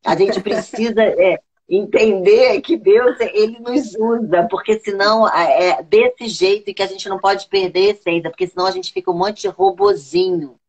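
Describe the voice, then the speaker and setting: Earnest woman, mid-pitched chat. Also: expressive, moderate pace, hardly any pauses, a little mellow, slightly rough, rough recording. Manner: earnest, slangy, acts out her own inner voice. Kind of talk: casual chat.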